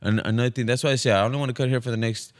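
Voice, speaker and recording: A man's voice: mid-range voice, fairly even intonation, very fast. A man in his thirties in casual podcast chat, giving earnest advice. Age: 30s. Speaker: podcast co-host.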